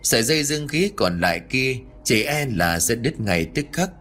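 A man voicing a calm older male monk master who speaks in a measured, instructive way, in an audiobook ghost story. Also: medium pitch, slight background noise. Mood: steady.

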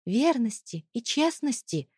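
A woman voicing a trapped young wife who fights back with raised, shouting accusations. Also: fairly high pitch, lively intonation, unhurried, breathy edge, dry recording, clean studio sound, voice pushed up. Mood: defiant.

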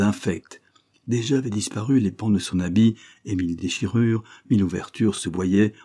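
A man narrating a classic novel as an audiobook, in a measured literary reading. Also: low-pitched, dark tone, husky. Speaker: audiobook reader. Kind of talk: scripted narration.

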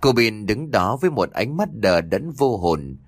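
A man narrating an audio ghost story with expressive storytelling. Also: lowish voice, unhurried, breathy edge, dry recording.

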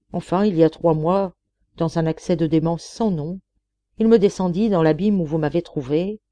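A woman's voice: fairly low pitch, dark tone, dry recording, close to an everyday voice. A woman reading the part of an earnest, self-sacrificing young woman in an audiobook, in a pleading, heartfelt way.

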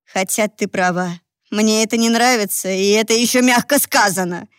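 A woman's voice: mid-range voice, moderate pace, clean tone, no echo, clean studio sound, lightly acted. A woman reading an audiobook, voicing a worried middle-aged mother who is anxious, sighing and disapproving. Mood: wry.

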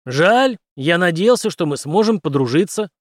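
Gruff soldier captain, read by a man, curt and grim, raised higher and louder. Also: lively intonation, moderate pace, dry recording, clean studio sound.

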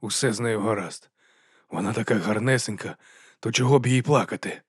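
A man reading an audiobook voices a steady stable master who talks softly and soothingly. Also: fairly quick, husky, no echo, clean studio sound, lightly acted. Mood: gentle. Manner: soft, soothing, low murmur.

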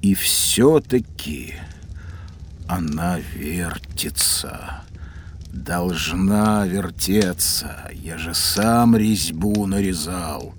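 In an educational audio drama, a male actor plays a proud, absorbed seventeenth-century Italian scientist, musing deliberately and theatrically with pauses. His voice sits low, animated and exaggerated, with a little hiss or hum on the audio.

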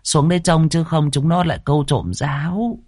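A man's voice: a little high, steady tone, normal speed, a little mellow, no room sound, clean studio sound, voice pushed up, lightly acted. A man doing a coy, bossy mistress of the house. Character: scheming lustful middle-aged mistress.

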